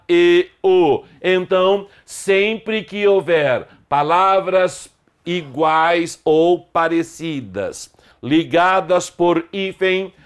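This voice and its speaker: Brief: middle-aged Brazilian man, online grammar teacher, slightly high voice, emphatic and explanatory. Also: clear, resonant tone. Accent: Brazilian Portuguese. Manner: explanatory, emphatic, lively pitch swings on example words.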